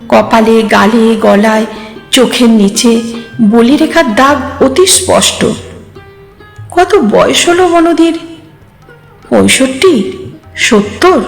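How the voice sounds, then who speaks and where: A woman reading a first-person story aloud in a measured, expressive narration. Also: fairly high pitch, vocal fry. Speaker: story reader. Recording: echoey hall with faint music.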